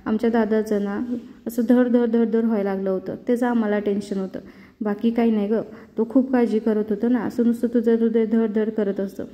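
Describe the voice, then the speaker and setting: A woman's voice: on the high side, fairly even intonation, brisk, warm tone, close to an everyday voice. A woman voicing a young man who teases his brother, heard with long reverb. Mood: teasing. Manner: teasing.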